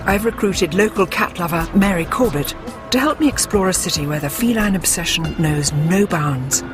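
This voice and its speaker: A woman's voice: on the low side, normal speed. A woman presenter giving a dramatic, scripted nature documentary narration. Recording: music behind the voice.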